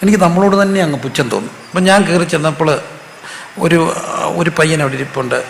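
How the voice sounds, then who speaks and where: A man's voice: fairly high pitch, brisk, gravelly. A male pastor, preaching a sermon and calling out questions for the congregation to answer back. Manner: asks the congregation questions and has them repeat answers. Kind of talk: call-and-response sermon. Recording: roomy hall reverb, faint noise.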